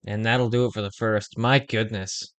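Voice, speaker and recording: A young man hosting a fan watch-along stream, giving casual play-by-play and chat with quick excited reactions. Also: fairly low pitch, clear, resonant tone, no room sound. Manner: conversational, reacts excitedly to plays, uses fillers like "like".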